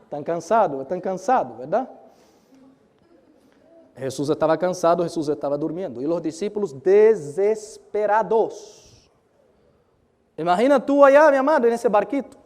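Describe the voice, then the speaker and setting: A man with a high, ringing voice preaching a sermon. He swings between bursts of near-shouting and hushed, intimate asides, and calls to his congregation as he acts out the story. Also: lively intonation, normal speed, pauses often. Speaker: pastor.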